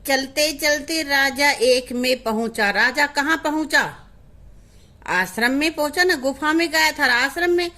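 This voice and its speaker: A woman's voice: sits high, animated, measured pace, bright, forceful tone. A woman teaching a lesson to young children, asking questions and answering them herself in a coaxing, patient way. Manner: asks questions and answers them herself, calls pupils beta. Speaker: primary school teacher.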